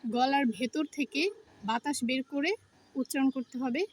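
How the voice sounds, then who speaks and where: A woman teaching the Arabic alphabet in a step-by-step pronunciation lesson, saying each letter slowly and repeating it. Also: sits high, steady tone.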